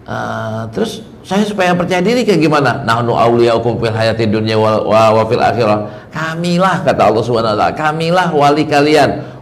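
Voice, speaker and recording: A man's voice: mid-range voice, creaky, a little hiss or hum. A man giving a casual religious study sermon, joking and quizzing his audience in a chatty way. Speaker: Islamic preacher.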